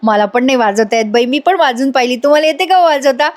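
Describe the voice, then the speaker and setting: A woman's voice: sits high, fast. A woman reviewer chatting through a TV serial episode recap, talking straight to her viewers and laughing easily. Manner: animated, chatty, addresses viewers directly; laughs often while recapping.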